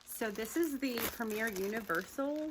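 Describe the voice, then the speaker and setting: A woman's voice: a little high, animated, moderate pace, noisy background. A chatty woman with a Southern accent, rambling cheerfully through a casual yarn vlog and laughing often. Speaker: yarn vlogger. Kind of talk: casual chat.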